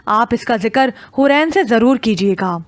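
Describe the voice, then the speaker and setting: A polite, formal male teacher, read by a woman narrator in an audio novel. He speaks courteously in a voice on the higher side, recorded dry. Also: animated, dry recording, close to an everyday voice.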